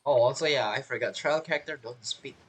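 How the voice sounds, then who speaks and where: With a husky, medium-pitched voice and a fairly quick pace, a man talks casually through a game he's playing over background game music. He thinks out loud, circling back on phrases and putting questions to himself.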